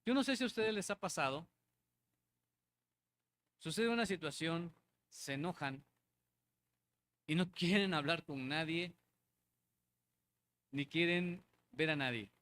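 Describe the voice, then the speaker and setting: A slightly high, fairly bright male voice delivers a sermon in a church hall at a measured pace, pausing frequently. His style is conversational, with repeated phrases and regular appeals for the congregation's agreement.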